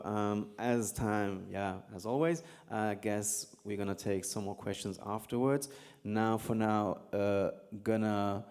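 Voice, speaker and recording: On a conference stage, a male panel moderator with a fairly low, slightly mellow voice moderates casually. His style is loose and joking, with plenty of filler words.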